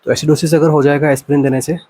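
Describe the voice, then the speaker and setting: A man's voice: fairly high pitch, level tone, darkish tone. Man explaining nursing exam questions. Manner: asks rhetorical questions and answers them, reads English options slowly. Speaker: nursing exam coaching teacher. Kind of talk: explaining exam questions in Hindi-English mix.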